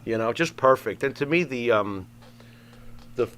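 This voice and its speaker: A man's voice: mid-range voice, lively intonation, a little slow, fairly bright tone. A man chatting casually as a talk show co-host, emphatic and repeating words for effect.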